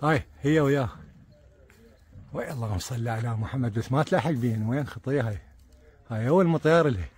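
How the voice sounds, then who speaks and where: A man with an Iraqi accent giving casual, excitable commentary to viewers as he films his pigeons outdoors, repeating words and dropping religious blessings. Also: medium pitch, fast talker, long pauses. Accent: Iraqi Arabic. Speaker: pigeon keeper filming his birds.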